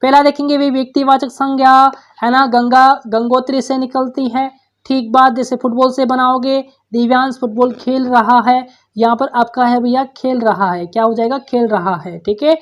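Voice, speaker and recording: A woman's voice: sits high, steady tone, moderate pace. A woman teacher, patiently working through workbook answers, asking questions and repeating the answers for young pupils. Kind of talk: workbook solution lesson.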